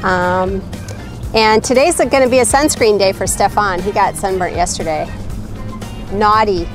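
An upbeat woman talks casually to the camera while sailing on a catamaran. Her voice sits at an ordinary middle pitch, and music plays clearly underneath her. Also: measured pace. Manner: chatty, upbeat. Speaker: sailing vlog host. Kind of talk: casual vlog narration.

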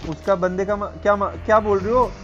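A man gaming online, boasting, teasing teammates and shouting orders in casual banter. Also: high voice, steady tone, fairly quick. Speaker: gamer streamer. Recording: lo-fi game capture with music. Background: game music and gunfire.

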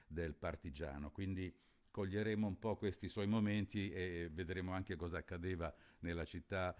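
Low-voiced man presenting a novel. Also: smooth. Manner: halting, thoughtful explanation with many fillers. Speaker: literary reader and presenter. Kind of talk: reading a novel aloud with spoken introduction.

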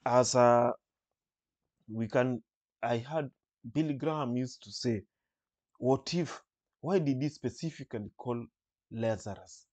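A male preacher teaching from the Bible, reading verses aloud and slowly repeating phrases to explain them. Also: mid-range voice, a little mellow. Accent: Kenyan.

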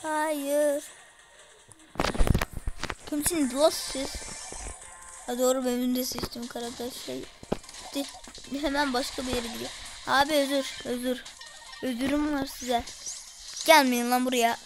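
Excitable high-voiced woman gamer. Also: measured pace, pauses often, background noise. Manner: excitable, exclaiming, talking to viewers. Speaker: gaming streamer. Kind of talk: casual gameplay commentary. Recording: music playing in the background.

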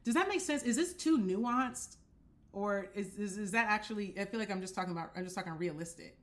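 A young woman hosting a casual dating-advice talk from her apartment, speaking straight to the camera, animated and direct, often checking that listeners follow. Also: medium pitch, fairly quick. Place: apartment living room, indoors.

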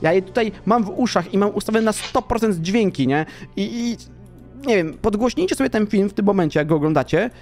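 A young man casually commenting on his gameplay, chatty and exasperated, sometimes yelling at the game, over a desk mic. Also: sits high, animated, brisk, faint music behind. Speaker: gaming YouTuber. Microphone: desk mic with in-ear headphones.

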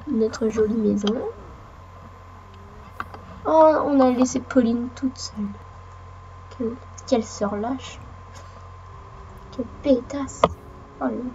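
Hoarse, sniffly woman commenting on gameplay. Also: a little high, slow pace, long pauses, lo-fi sound, noisy background. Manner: chatty, rambling, talks to the game and viewers. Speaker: let's play gamer.

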